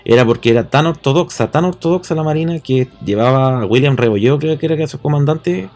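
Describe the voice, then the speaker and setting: A man's voice: fairly high pitch, quick pace, a little mellow, faint music behind. A man with a Chilean accent explaining history in casual talk, often checking agreement with tag questions. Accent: Chilean Spanish.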